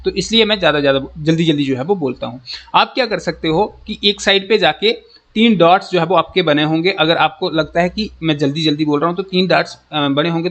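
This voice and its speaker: Fast-talking man teaching idioms. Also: fairly high pitch, fairly bright tone. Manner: fast-talking, keeps saying "ठीक है"; reads English example sentences slowly. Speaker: exam coaching teacher. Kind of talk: explaining English idioms in Hindi.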